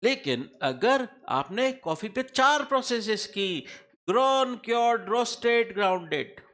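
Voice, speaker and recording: A man's voice: extremely high pitch, expressive, unhurried, bright, forceful tone. A middle-aged man teaching tax law in a classroom lecture, repeating key figures and quizzing students with questions.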